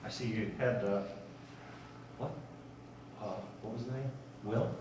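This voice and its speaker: Guy with a lowish voice just chatting, kinda halting, way off from the mic in a big echoey room. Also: fairly even intonation, far from the mic, noisy background. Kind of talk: casual chat. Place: large indoor bowling alley.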